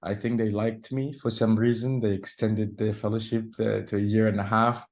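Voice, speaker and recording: A man from Sudan, a journalist answering interview questions in a measured way, often pausing and restarting. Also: lowish voice, level tone, darkish tone. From South Sudan / Sudan. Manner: measured, with frequent hesitations and restarts. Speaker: journalist guest.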